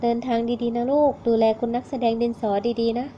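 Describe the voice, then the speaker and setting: A woman voicing a doting, excitable middle-aged mother who coaxes and gushes, in a storybook reading. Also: fairly high pitch, a little fast, lo-fi sound, slight background noise, natural voice. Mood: gushing. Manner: gushing, coaxing.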